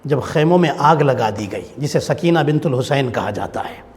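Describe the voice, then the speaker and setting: A man's voice: mid-range voice, expressive, darkish tone. A man leading a mourning gathering, preaching with passion and rising into a wailing chant. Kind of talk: Urdu majlis sermon with mourning recitation. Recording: long hall reverb.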